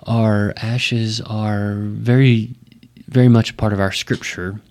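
Low-voiced, halting West Texas man. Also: steady tone, a little mellow. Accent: West Texas twang. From West Texas, United States. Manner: halting, thoughtful, pausing often mid-phrase. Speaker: Baptist pastor. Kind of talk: conversational explanation in an interview.

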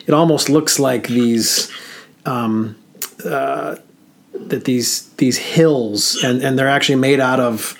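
A man speaking as a podcast co-host, telling a personal story in casual chat, slow and halting with frequent pauses and fillers. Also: mid-range voice.

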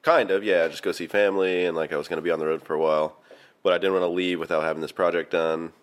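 A man's voice: sits low, steady tone, fast talker. A young man in casual chat, hesitant and self-doubting, often trailing off. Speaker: skater in the video.

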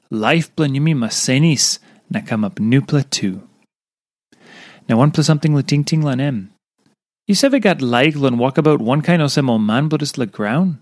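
A man's voice: medium pitch, darkish tone, no echo, studio quality. A man with a Papua New Guinean accent reading a scripted devotional in Papua New Guinea pidgin. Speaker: devotional reader.

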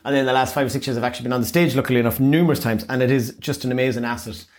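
A man's voice: mid-range voice, fairly even intonation, rapid-fire. A middle-aged man with a west of Ireland accent hosting a local radio show, rambling casually through the papers in a chatty, encouraging way. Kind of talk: casual paper review chat.

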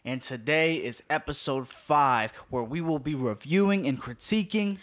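A man's voice: on the high side, normal speed, fairly bright tone. A young man co-hosting a podcast, chatting casually with jokes, slang and laughter. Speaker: podcast co-host. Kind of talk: casual chat.

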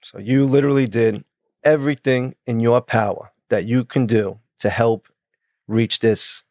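A man's voice: mid-range voice, steady tone, a little slow, darkish tone, no echo, studio quality. A man hosting a casual interview, asking encouraging, admiring questions. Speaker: interview host.

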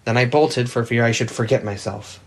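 A woman's voice: extremely low pitch, steady tone, moderate pace, voice pushed down. A woman reading aloud, voicing a proud, hot-tempered young man who sulks and talks back. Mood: indignant. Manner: sulky, defiant.

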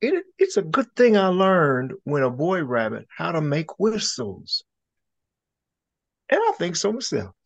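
Man doing a chirpy old rabbit gentleman. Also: a little slow, heavily acted. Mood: pleased. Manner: high, chirpy, excited. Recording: dull lo-fi recording.

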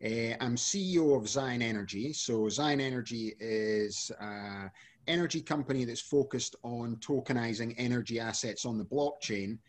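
On a podcast, a man from Scotland who heads an energy company gives relaxed, filler-heavy answers to interview questions. He speaks at an ordinary pace, his voice pitched in the middle.

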